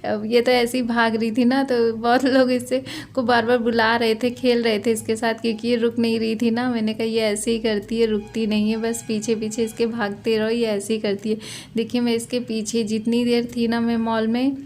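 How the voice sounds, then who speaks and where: A woman's voice: fairly high pitch, flat delivery, normal speed, a little mellow. A woman vlogger and mother narrating her mall shopping trip in a chatty, repetitive way, often ending phrases with tag questions. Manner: chatty, repeats herself, frequent tag questions. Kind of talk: casual vlog narration over shopping footage.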